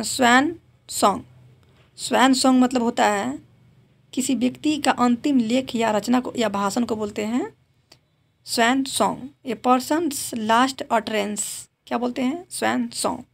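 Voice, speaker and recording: A woman's voice: fairly high pitch, vocal fry. A woman teaching exam vocabulary, explaining each word in Hindi, reading its English definition and repeating it with a drilling question.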